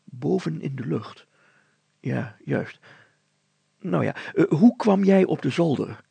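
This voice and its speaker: A man voicing a doubting village mayor who questions slowly and incredulously in a storybook reading. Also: on the high side, expressive, vocal fry, warm tone, husky, no room sound, voice pushed up, heavily acted.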